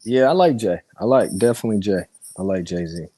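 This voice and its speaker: A man's voice: lowish voice, expressive, fairly quick, mellow, breathy edge, no echo. A man, a musician guest on a podcast, talking in a laid-back, candid way. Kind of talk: casual interview chat.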